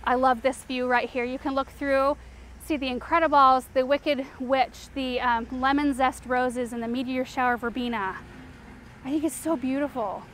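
A woman in her thirties with a light, high voice leads an unscripted walk through her backyard garden. She chats warmly and loosely, stopping for plenty of "um" and "like". She sounds close on a clip-on mic out in the open air. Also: steady tone, normal speed, a little hiss or hum. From Eastern Oregon, US. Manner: chatty, enthusiastic, lots of fillers like "um" and "like". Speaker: garden show host. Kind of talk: casual garden tour walkthrough. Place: outdoor home garden.

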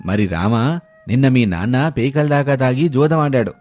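A man's voice: medium pitch, normal speed, a little mellow, lightly acted. A man voicing an angry village man who scolds and demands money back, with faint music behind.

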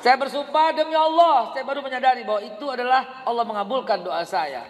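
Man, middle-aged, sermon, lively storytelling, long reverb. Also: very high-pitched, brisk, a little hiss or hum. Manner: animated storytelling, quoting family dialogue; sings snatches of a song. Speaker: preacher.

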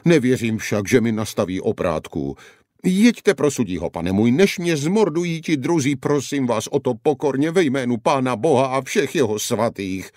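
A man's voice: medium pitch, very animated, darkish tone, dry recording, clean studio sound, pitched above the performer's own voice, close to an everyday voice. A man voicing a fearful peasant gatekeeper in an audiobook, with a cracked voice and a wailing, begging manner. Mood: relieved. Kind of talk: audiobook character voice.

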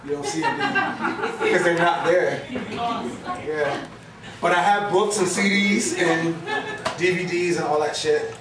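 A man's voice: high voice, unhurried, long pauses, recorded from a distance. A middle-aged man from New Jersey with a New Jersey accent, performing spoken word in a small bar and joking loosely and profanely with the crowd. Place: small brick-walled bar lounge, indoors. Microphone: stand mic, recorded by a far camera. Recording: roomy live bar sound from afar. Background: audience ambience and laughter.

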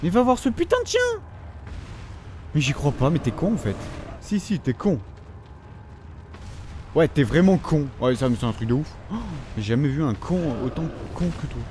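A man's voice: medium pitch, lively intonation, normal speed, pauses often, noisy background. A young man with a French accent commentating his gameplay, swearing constantly and scolding the characters on screen. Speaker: gamer.

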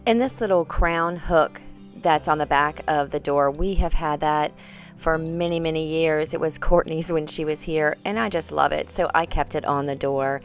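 A woman's voice: deep voice, moderate pace, soft background music. A middle-aged woman hosting a home decor vlog, explaining a room makeover in a chatty way. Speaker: home decor vlogger, host. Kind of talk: room makeover tour presentation. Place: bedroom, indoors, for the on-camera part.

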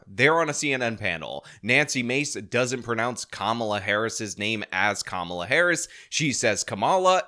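Male commentary host, sharp forceful voice, sarcastic and mocking. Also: medium pitch. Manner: sarcastic, mocking, talks fast in bursts. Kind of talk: political commentary video.

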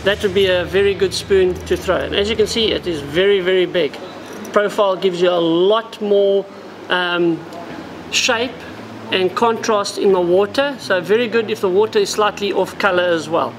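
This product demonstration features a fortysomething South African man behind a wooden counter in an indoor tackle shop, walking viewers, whom he calls guys, through fishing gear in a practical, explanatory manner. He speaks at normal speed in a high voice, with background noise.

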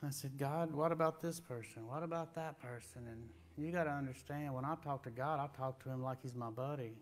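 Speaking briskly at a medium pitch, a man preaches as a guest in a church sanctuary, wearing a lapel mic. His sermon feels folksy and chatty, punctuated by emphatic questions that rise in pitch.

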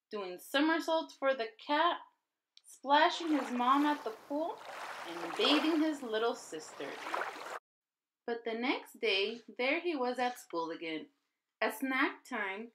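A woman with a fairly high voice reads a children's picture book aloud like a storyteller. Her delivery is expressive, deliberate, and animated, pitched for young children.

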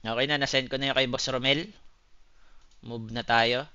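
A man's voice: mid-range voice, steady tone, normal speed, bright, forceful tone, clean tone, dry recording, lo-fi sound. A man chatting loosely with his live-stream viewers, swearing often and calling them buddy. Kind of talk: casual live-stream chat answering viewers.

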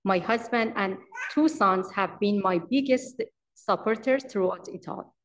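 A daycare owner and manager in her forties, originally from Iran and speaking with an Iranian accent, delivers a prepared presentation at a public meeting in a large council chamber. She reads haltingly into a podium microphone in a mid-range voice.

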